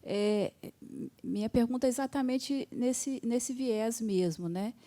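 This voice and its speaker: Woman, 50s, from Minas Gerais, audience question, earnest and critical, mellow voice. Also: fairly high pitch, slow. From Minas Gerais, Brazil. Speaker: surgeon and literature student asking a question.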